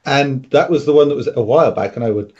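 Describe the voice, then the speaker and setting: A man's voice: medium pitch, quick pace, a little mellow, muffled recording, a little hiss or hum. A man hosting a casual panel debate, joking and laughing often as he teases the guests. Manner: jokey, laughs often, teasing. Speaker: podcast host chairing a panel.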